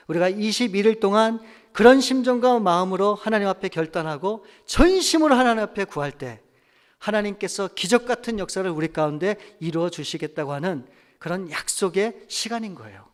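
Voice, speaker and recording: A man preaching a sermon as pastor, emphatic and full of rhetorical questions to the congregation. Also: sits high. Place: church sanctuary. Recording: long church hall reverb.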